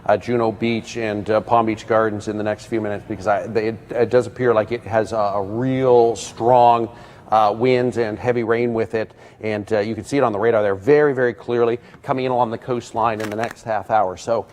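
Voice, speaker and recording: An American man working as a TV meteorologist, ad-libbing live storm commentary in halting phrases with many pauses. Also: on the low side, steady tone, darkish tone, slight background noise. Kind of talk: live ad-libbed weather commentary.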